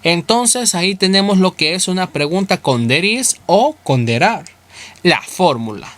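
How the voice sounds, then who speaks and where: A man's voice: sits high, animated, a little slow, a bit bright. Male teacher, walking through a grammar lesson and answering his own questions. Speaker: English teacher. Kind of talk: explaining grammar step by step, thinking aloud.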